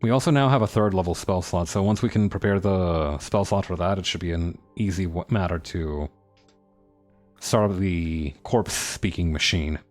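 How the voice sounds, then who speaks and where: A man's voice: sits low, moderate pace, darkish tone, soft background music. A man streaming a game, musing aloud over his choices in casual commentary.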